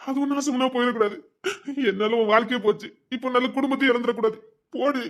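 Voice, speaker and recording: A woman's voice: fairly high pitch, steady tone, fast talker, lightly acted. A woman voicing a tearful man facing jail. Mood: resigned. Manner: pleading, tearful, urging her away. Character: anguished man about to go to jail, protective of his lover. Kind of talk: Tamil web drama voice acting.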